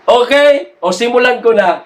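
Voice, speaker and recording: Man, high voice, slow drawn-out talk, teasing commentary vlogger. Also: lively intonation. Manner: teasing, laughing often, slow drawn-out delivery. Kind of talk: casual commentary to viewers.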